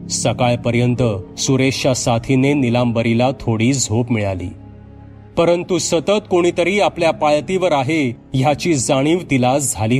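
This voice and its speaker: A man narrating a horror story in a measured, suspenseful way. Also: medium pitch, darkish tone.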